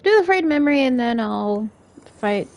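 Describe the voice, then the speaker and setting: Gravelly young woman streaming a game. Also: fairly high pitch, lively intonation, moderate pace, soft background music. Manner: thinking aloud, hesitant with fillers. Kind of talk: casual gameplay commentary.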